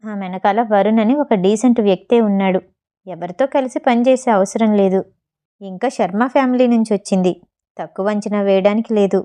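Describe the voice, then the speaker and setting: A woman's voice: medium pitch, normal speed, mellow, natural voice. A woman reading the lines of a loyal, matter-of-fact female manager.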